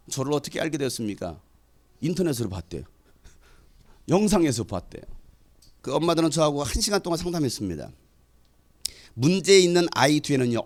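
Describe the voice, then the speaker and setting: A middle-aged man preaching a sermon in a high, highly animated voice. He moves from conversational storytelling to fervent, loud exhortation, his pitch leaping up and down. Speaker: pastor.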